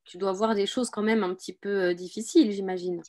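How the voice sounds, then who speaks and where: A woman's voice: mid-range voice, steady tone, brisk, darkish tone. A woman interviewing a guest casually, asking informal questions with short backchannels.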